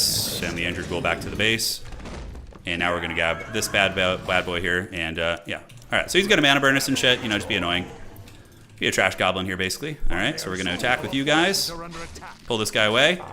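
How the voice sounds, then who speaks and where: A gaming streamer with a low voice commentates his own match live, talking through his moves in a casual, slangy way with some mild swearing. There is background noise.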